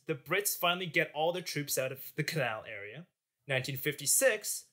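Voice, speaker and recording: A man's voice: fairly high pitch, pushed and bright. A man hosting a casual history podcast, telling the story in a jokey, slangy way. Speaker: podcast host.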